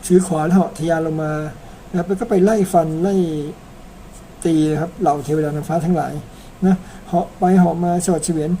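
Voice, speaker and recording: A man's voice: a little high, steady tone, a little fast, dark tone, slight background noise. A man from Thailand narrating an old epic in a chatty, casual way, tagging his sentences with polite particles and slipping in personal asides. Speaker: storyteller.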